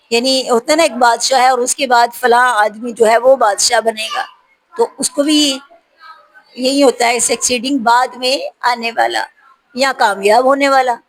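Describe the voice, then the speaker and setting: High-voiced woman teaching spelling words. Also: a bit bright, poor audio. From Pakistan. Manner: reads each word slowly, then explains it. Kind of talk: vocabulary lesson for spelling practice.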